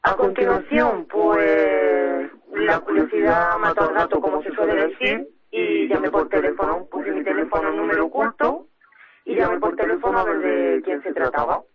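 Una mujer entrevistada en la radio como madre, con la voz distorsionada y bajada de tono para ocultar su identidad. Cuenta su historia con cuidado y vacila a menudo. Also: female voice, moderate pace, dull audio, over a noisy crowd. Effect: voice distorted and pitched down to hide her identity. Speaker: mother interviewed as radio guest. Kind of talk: personal account in a radio interview.

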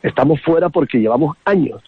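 A man with a Canarian accent argues his case as a taxi association spokesman, calling in to a radio show. His voice is husky and mid-pitched, and it comes through a thin, phone-like line with no room sound. He talks emphatically and often stumbles and restarts. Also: animated, a little fast, no echo. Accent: Canarian Spanish.

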